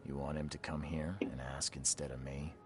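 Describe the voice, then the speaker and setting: A hard-boiled private investigator in a video game. His voice is exceptionally deep and his manner dry, terse and intimidating, over faint background noise. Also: flat delivery, moderate pace. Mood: stern pressure. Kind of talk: video game character acting.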